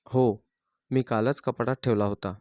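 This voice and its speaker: A man's voice: medium pitch, steady tone, unhurried, darkish tone, no echo, natural voice. A man voicing a suspicious mother-in-law who speaks angrily, recorded dry. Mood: angry. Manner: angry, scolding.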